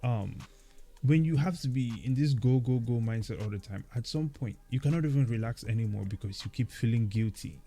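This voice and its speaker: A man's voice: mid-range voice, brisk, dark tone, faint music behind. A man co-hosting a casual chat show, talking animatedly and preachily, often tagging his points with "man" and "okay". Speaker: podcast co-host.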